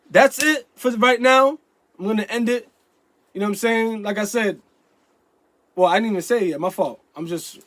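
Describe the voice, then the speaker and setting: A man with a stuffy nose chatting casually to his viewers, rambling with lots of restarts and fillers, and breaking into loud, emphatic outbursts. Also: high voice, no room sound. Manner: bursts into loud emphatic yelling. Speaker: YouTube vlogger. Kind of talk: casual vlog chat to camera.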